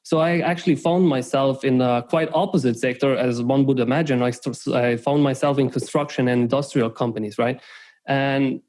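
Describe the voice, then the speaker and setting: A man's voice: mid-range voice, steady tone, normal speed, a little mellow. A young man from Slovenia, a podcast guest, talking casually and rambling, with many restarts and "right?" tags. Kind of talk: casual interview talk.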